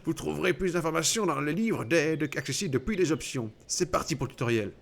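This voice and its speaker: A man voicing a pompous old male archmage, a retired headmaster, reading a game tutorial in a slow, grandiose put-on accent. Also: a little high, lively intonation, creaky.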